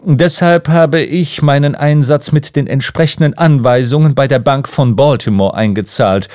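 A man reading an audiobook, voicing a calm, earnest leader who speaks firmly and to the point. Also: medium pitch, normal speed, no echo, studio quality, close to an everyday voice.

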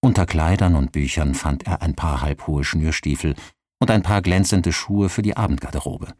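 A man reading a novel aloud as narrator, with an expressive storytelling delivery into a close mic. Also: low voice, normal speed, no echo. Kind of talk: scripted audiobook narration.

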